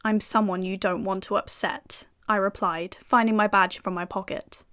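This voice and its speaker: A woman's voice: medium pitch, fairly even intonation, moderate pace, a bit bright, natural voice. A British woman playing a wry young FBI agent. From United Kingdom. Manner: dry, sardonic asides. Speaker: narrator and lead character, an FBI agent. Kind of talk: first-person audio drama narration.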